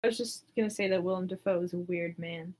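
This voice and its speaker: A woman's voice: lowish voice, fairly even intonation, quick pace, darkish tone, slight background noise. A young woman chatting casually, giggly and teasing, with a blunt way of egging her friend on. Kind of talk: casual chat.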